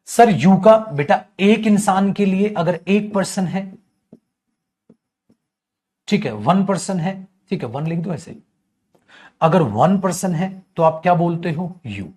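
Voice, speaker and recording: A man's voice: sits high, expressive, takes it slowly, pauses often, darkish tone. A man teaching an online grammar class, calling his students "my child" and repeating his key points.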